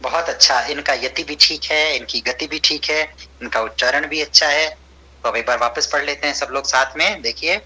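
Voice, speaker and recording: A male teacher speaks patiently over a video call, his voice very bright yet husky. He encourages his students warmly and mixes in English phrases as he guides them. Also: fairly high pitch, moderate pace, poor audio. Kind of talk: online class instruction.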